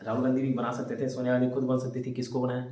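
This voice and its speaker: A man's voice: mid-range voice, monotone, rapid-fire, mellow. A young man giving a casual classroom lecture, telling history as a chatty story and joking with his students. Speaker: teacher. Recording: echoey room.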